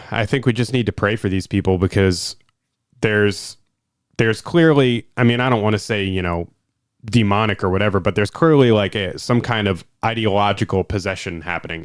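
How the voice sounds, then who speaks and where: A man, co-hosting a podcast and talking in a calm, reflective, agreeable way. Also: on the low side, dry recording, studio quality. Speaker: podcast co-host. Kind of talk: casual political talk.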